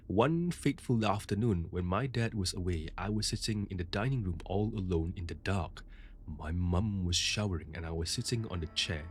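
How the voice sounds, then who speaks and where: A male podcast host retelling a listener's ghost story in a casual, conversational way, with frequent asides. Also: sits low.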